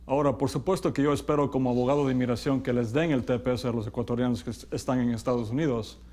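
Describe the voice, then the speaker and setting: A middle-aged man from Ecuador, an immigration lawyer, explaining a legal topic in a measured way, slowing to stress key terms and dropping English legal phrases into his Spanish. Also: mid-range voice, fairly even intonation, warm tone. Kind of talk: explainer talk to camera.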